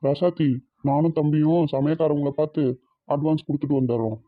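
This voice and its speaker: A woman voicing a fatherly middle-aged family man in a cartoon, gently giving instructions. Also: deep voice, fairly quick. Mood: instructing. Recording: tinny phone-like sound.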